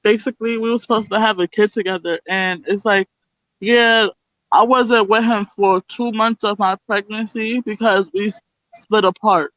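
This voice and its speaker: A woman's voice: medium pitch, steady tone, moderate pace, a bit bright, dry recording, highs cut off. A young woman guest telling her own story bluntly and candidly, swearing freely. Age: young adult. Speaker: interview guest.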